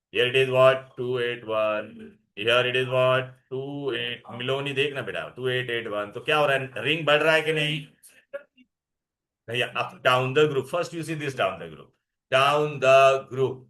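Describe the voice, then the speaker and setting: A man's voice: mid-range voice, pushed and bright. A man with an Indian accent teaching a lesson, repeating key points and putting frequent questions to his students. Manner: repetitive, checks understanding, addresses students directly. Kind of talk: classroom lesson with rhetorical questions.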